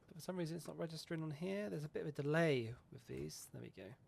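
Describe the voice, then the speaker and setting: Running through his pre-flight checklist in a flight simulator video, a man rambles casually, occasionally swears and jokes at his own expense. He talks fast in a voice on the high side, creaky and darkish with a breathy edge.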